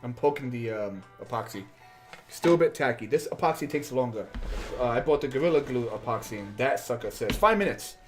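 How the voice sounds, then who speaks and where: A man's voice: mid-range voice, animated, a little fast. A man chatting casually while working on a craft build, rambling with fillers and asides. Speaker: craft streamer. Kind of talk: casual build-along chat. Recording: faint background music.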